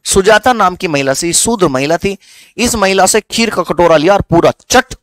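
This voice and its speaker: A man's voice: high-pitched, lively intonation, moderate pace, a bit bright, no echo. A young man with a Haryanvi accent teaching history as a story, often repeating questions back to his students.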